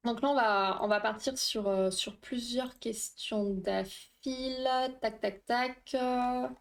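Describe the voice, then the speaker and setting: A woman's voice: a little high, fairly even intonation, slow pace. A woman hosting a casual livestream, explaining dream science with a quiz, chatty and laughing often while reading chat aloud. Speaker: livestream host.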